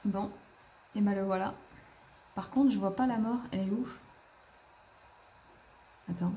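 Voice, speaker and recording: A woman chats her way through a life-simulation game, reacting to what happens and talking straight to the characters. Her voice sits at an ordinary middle pitch. A faint noise hums under the recording. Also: measured pace, warm tone. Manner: chatty, talks to the game characters. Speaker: gaming video creator. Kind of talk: casual let's-play commentary.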